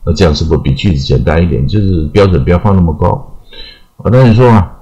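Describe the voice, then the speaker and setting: A man's voice: low voice, fast, mellow, muffled recording. An older man giving an informal, rambling spoken English lesson, chatty, with frequent trailing particles. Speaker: English teacher.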